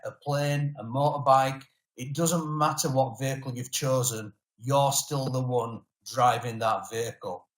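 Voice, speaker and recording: A man, giving a motivational webinar talk as a network marketing presenter, telling his personal story earnestly. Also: mid-range voice. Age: 40s. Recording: roomy echo.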